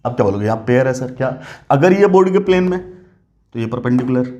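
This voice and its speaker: A man's voice: mid-range voice, animated, fast talker, a little mellow, muffled recording, a little hiss or hum. A man teaching chemistry at a board. He asks questions, answers them himself, calls his students "beta" and mixes English phrases into his talk. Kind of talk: board lecture.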